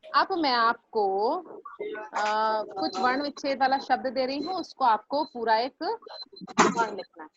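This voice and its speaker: A woman teacher with a high voice patiently drills her pupils, saying each word again and breaking it into its sounds. The sound is dull and lo-fi. She asks the class often whether they follow. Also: lively intonation, slow pace, background noise. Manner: patient, repeats words syllable by syllable for students. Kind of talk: online class lesson.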